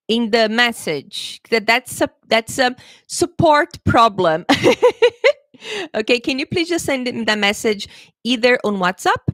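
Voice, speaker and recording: A woman English teacher's live exam-prep lesson is full of laughter, playful pet phrases and check-ins with her viewers, all chatty and encouraging. The voice is a little high and a bit bright, and the recording is dry and studio-clean.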